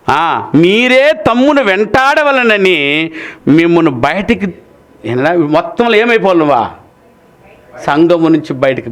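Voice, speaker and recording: A male pastor preaching a sermon in an animated way, firing rhetorical questions and calling his listeners "nayana". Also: fairly high pitch.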